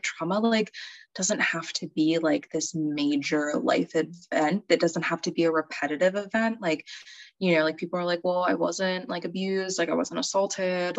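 A woman's voice: lowish voice, no echo, highs cut off. A young woman counselor, chatting casually as a podcast guest, laughing often and filling her talk with "like.". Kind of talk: casual chat.

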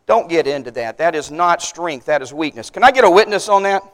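A male pastor with a high voice preaches in a church sanctuary. He tells stories with animation, climbs loud at the punchlines, then sinks low and earnest. A long hall reverb trails each phrase. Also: lively intonation, fairly quick. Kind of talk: sermon.

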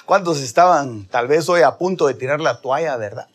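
High-voiced impassioned preacher. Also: male voice, animated, normal speed. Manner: swings from soft near-whispers to loud impassioned shouting; calls the listeners "hermano", acts out voices in the story. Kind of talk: sermon.

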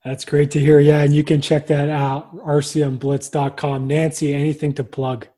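A man's voice: fairly high pitch, completely flat delivery, normal speed, mellow. A man hosting a podcast panel over a video call, upbeat and enthusiastic as he thanks his guests. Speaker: podcast host. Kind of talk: casual panel chat.

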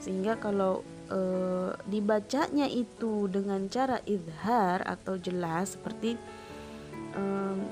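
A woman's voice: medium pitch, slow pace. A woman teaching Quran recitation rules, patiently demonstrating each sound by repeating it. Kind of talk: tajwid lesson with spoken demonstrations. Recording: background music under voice.

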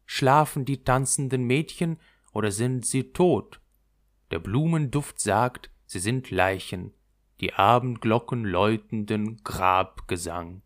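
A man reading a fairy tale aloud in an expressive storytelling manner. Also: lowish voice, takes it slowly. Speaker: narrator.

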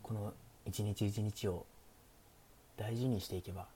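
Sleepy, hushed low-voiced man. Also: fairly even intonation, unhurried, low-quality recording. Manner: sleepy, hushed, often half-whispered. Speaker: streamer, show host. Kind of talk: soft, sleepy bedtime-stream talk. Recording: faint background hiss.

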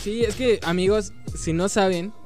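A man's voice: high voice, moderate pace, a little mellow. A young Mexican man hosting a casual interview, chatting and interjecting in heavy street slang. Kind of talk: casual chat. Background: music.

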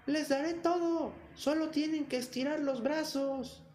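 A man voicing a tiny, clever, mischievous boy who shouts in a shrill, drawn-out way. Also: natural voice. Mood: shouting. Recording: long hall reverb.

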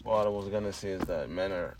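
A man's voice: deep voice, fast, noisy background. A young man co-hosting a podcast, giving blunt, joking opinions with slang in casual chat. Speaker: podcast co-host.

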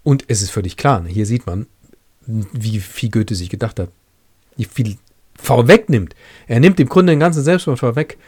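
A man's voice: medium pitch, animated, normal speed, darkish tone, husky. A man lecturing on literature, reading a classic text aloud and breaking off for enthusiastic, conversational asides.

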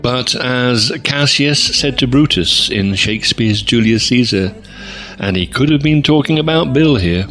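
Male actor as pompous stand-in radio presenter, earnest, self-absorbed, deliberate delivery for scripted radio comedy, mid-pitched, faint music behind. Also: fairly bright tone, natural voice. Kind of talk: scripted comic radio monologue.

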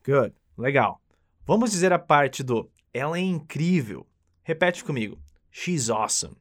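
A man's voice: fairly high pitch, lively intonation, unhurried, fairly bright tone. A man with a Brazilian accent, leading an upbeat English lesson and coaching the listener through repeated phrases. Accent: Brazilian Portuguese. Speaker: English teacher. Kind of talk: friendly language lesson.

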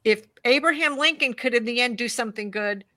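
Woman panel guest, bright, forceful voice, lecturing manner, dry close sound. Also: a little high, brisk, dry recording. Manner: emphatic, lecturing, urges action. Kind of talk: panel discussion.

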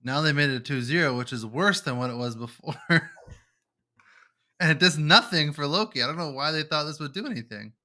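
Man, podcast co-host, casual gaming chat, laid-back, sharp bright tone. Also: fairly high pitch, animated, a little fast. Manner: laid-back, laughs often, drawls out quoted reactions.

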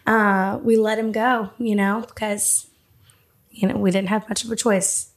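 A woman's voice: mid-range voice, flat delivery, a little slow. A woman in her twenties hosting her own podcast, chatting casually and laughing often at herself. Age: 20s. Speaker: podcast host.

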